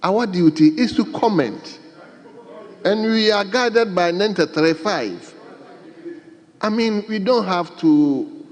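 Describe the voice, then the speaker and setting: A man's voice: high voice, lively intonation, takes it slowly, long pauses. Ghanaian man calling a chamber to order. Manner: repeatedly calling members to order. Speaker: parliament speaker chairing debate. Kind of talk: formal parliamentary chairing. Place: large parliament chamber. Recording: echoing chamber with long reverb.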